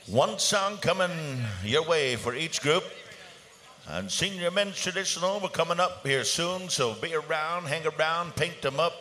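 A man's voice: a little high, bright, forceful tone. A man working as a powwow emcee, announcing over an arena PA with rallying calls and casual banter. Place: large indoor arena. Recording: clear arena ambience noise around PA voice.

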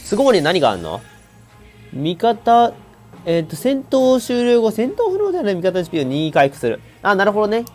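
A woman's voice: mid-range voice, wildly swooping pitch, brisk, mellow, soft background music. A woman streamer who giggles often as she comments on a visual novel and reads its lines aloud. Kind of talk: game commentary.

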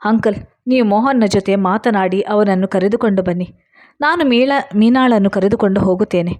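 A woman voicing a gentle, forgiving husband in a read-aloud story, calm and kind. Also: mid-range voice, brisk, no room sound, natural voice.

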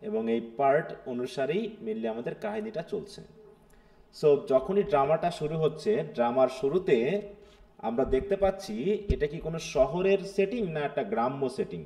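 Gravelly-voiced male literature teacher. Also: on the high side, animated, moderate pace, warm tone. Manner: explains step by step, keeps checking with students. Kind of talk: live online class, mixing Bengali and English.

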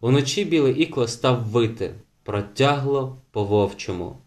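A male audiobook narrator reading a novel in steady, measured scripted narration. His voice sits at an ordinary pitch for a man, unhurried and even. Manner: measured, slows for chapter titles.

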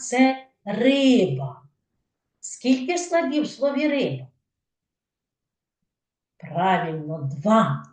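A woman's voice: on the high side, darkish tone. A woman with a Ukrainian accent teaching a patient, question-led phonics lesson to preschool children. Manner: patient, asks questions then answers them herself. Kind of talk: slow didactic lesson for young children. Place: kindergarten room. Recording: echoey room, voice from a distance.

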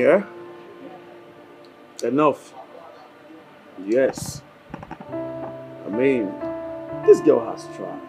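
A man's voice: medium pitch, rough recording. An actor with a Nigerian accent playing a man urging his friend to talk to his girlfriend. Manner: pleading, lively. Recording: film score under dialogue.

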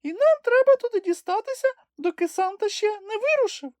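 A man voicing an excitable small furry female creature with a squealing, breathless enthusiasm. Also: extremely high pitch, fairly quick, no room sound, clean studio sound, voice pushed up. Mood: explaining.

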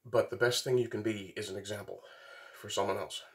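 A middle-aged man, sick with a blocked, congested nose, rambling haltingly in a casual monologue to camera in a small wooden workshop. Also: lowish voice, fairly even intonation. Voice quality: stuffy, congested nasal sound. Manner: rambling, halting, with long pauses. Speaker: vlogger.

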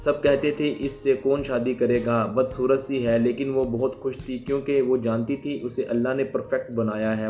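Flat, steady male storyteller. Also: medium pitch. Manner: steady, even reading. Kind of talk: scripted story narration.

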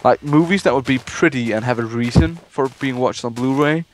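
A young man hosts a let's play video, chatting casually and rambling about movies while he plays, and swearing when something startles him. His voice is medium-pitched and brisk, with a little hiss or hum in the background.

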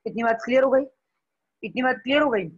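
A woman's voice: fairly high pitch, fast talker, husky, lo-fi sound. A woman teacher with an Indian accent giving a classroom biology lecture, repeating points and checking that students follow.

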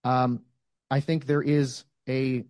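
A man in his thirties stands in a lecture room at a panel discussion, speaking into a handheld microphone as he thoughtfully builds his case step by step with examples and frequent fillers. His medium-pitched, darkish voice is flat and slow, and the sound is clean studio quality without echo.

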